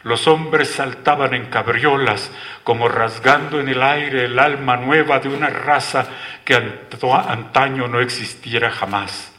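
A man narrating a literary story in a slow, measured reading. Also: medium pitch, steady tone, sharp tone.

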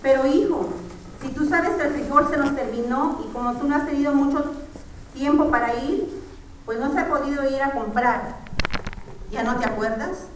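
A woman's voice: high voice, moderate pace, slight background noise, lightly acted. A woman voicing a poor, frightened older mother who pleads and sighs, recorded in an echoey room far from the mic. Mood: pleading, sorrowful. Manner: pleading, imploring, sighing "ay".

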